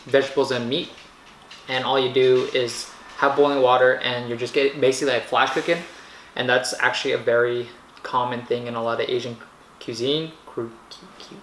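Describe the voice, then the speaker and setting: A man narrating a casual food vlog in a rambling, halting way, often searching for words. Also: medium pitch, fairly bright tone. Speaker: food vlogger. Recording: echoey room with faint background noise.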